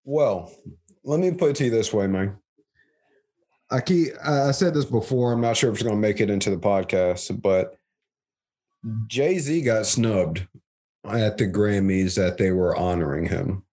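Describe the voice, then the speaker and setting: Male podcast co-host, relaxed low voice, competitive and thinks out loud. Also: measured pace, long pauses. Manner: reasons aloud at length, competitive. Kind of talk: casual award-picks chat.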